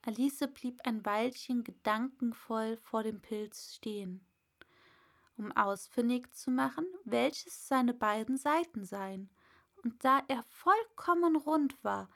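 Calm, unhurried woman narrator. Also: on the high side, gravelly. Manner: calm, measured reading. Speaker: audiobook narrator. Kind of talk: scripted storybook narration.

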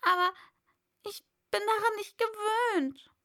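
A timid, well-mannered little girl from a storybook, played by a woman reader. Her lines sit higher and lighter than the narration, polite and a little plaintive. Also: expressive, takes it slowly, sharp tone, full character voice.

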